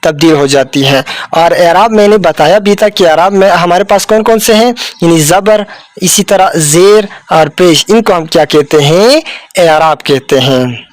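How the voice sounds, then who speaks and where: A man's voice: high voice, measured pace, no echo. A man teaching a children's Urdu lesson, who addresses the listener as a child, asks questions and answers them himself, and repeats words often.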